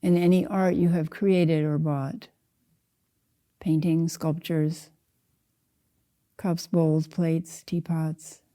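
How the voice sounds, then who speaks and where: An older woman, a Zen teacher, leads a guided meditation in a low, dark, very soft-edged voice. She stays calm and measured, placing short phrases one after another without hurry.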